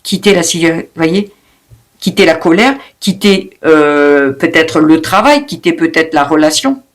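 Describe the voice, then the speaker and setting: A woman giving an unscripted spiritual oracle card reading. She talks fast, with many restarts and repeated words, in a calm, coaching tone. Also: low voice. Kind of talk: spontaneous spiritual guidance reading.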